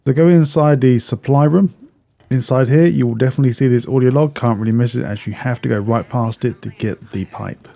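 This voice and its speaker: A man with a gravelly, warm, medium-pitched voice talks fairly quickly as he narrates a video game walkthrough. His manner is casual and instructional, going step by step and often repeating or correcting himself.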